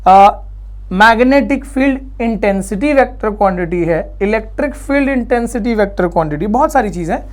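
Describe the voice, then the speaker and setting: A man's voice: sits high, animated, moderate pace. A male physics teacher from India giving a classroom lecture, chatty and coaxing, asking questions and answering them himself. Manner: coaxing, reassuring students.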